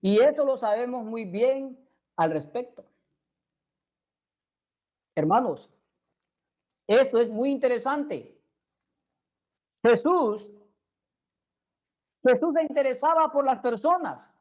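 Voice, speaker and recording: A woman preaching a sermon with a high, light voice. She speaks earnestly and keeps putting direct questions to her listeners. She retells scripture scenes in a steady teaching tone. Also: slow, pauses often.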